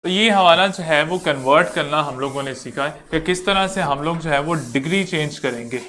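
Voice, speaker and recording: Male teacher, slightly high voice, patient and repetitive online lecture, faint background noise. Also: bright, forceful tone. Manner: repetitive, explains slowly step by step.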